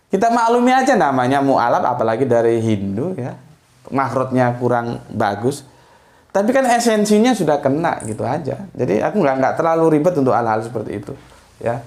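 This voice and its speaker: A man with a mid-range, slightly mellow voice gives a casual Islamic talk, explaining things digressively. He chuckles now and then and tags his lines with "ya" and "gitu loh," and the recording has a roomy echo.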